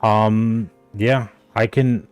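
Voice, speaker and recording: A man with a fairly low voice chats in a loose, rambling way as he plays a game and leans on "like" and "I think" all the time. He sounds unsure and hedges as he goes. Soft game music plays quietly behind him. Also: fairly even intonation, very slow, clean tone, no echo. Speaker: gaming streamer. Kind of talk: casual chat while gaming.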